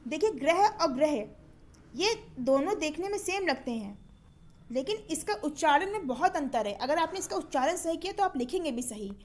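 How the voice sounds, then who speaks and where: Woman, high voice, patient teacher, repetitive drilling, asks questions, exam-prep lesson. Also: lively intonation, brisk. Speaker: Hindi teacher.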